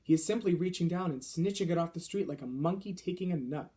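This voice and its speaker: A man voicing a big, friendly, gently indignant giant from a children's storybook, speaking in quaint broken grammar with mangled words. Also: fairly high pitch, fast talker, natural voice. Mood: explaining, relishing.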